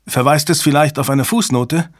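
A man's voice: fairly high pitch, moderate pace, no echo, pitched above the performer's own voice, lightly acted. A man reading a tense young female code analyst, urgent and questioning. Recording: dry close studio sound.

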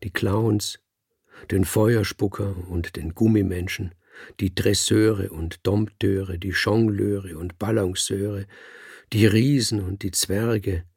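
A man reading a literary story aloud in a slow, measured narration. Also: fairly low pitch, fairly even intonation, darkish tone, slightly rough, dry recording, studio quality.

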